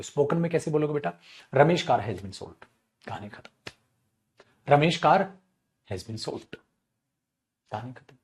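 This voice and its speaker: This is a male English grammar teacher giving an online class. His voice rises and falls a lot, and he keeps a playful, teasing manner with his students. He slows right down to spell out key phrases and acts out the questions his students might ask. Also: a little high. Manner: lively, teasing, addresses students as beta and chhutku; spells phrases out slowly for emphasis.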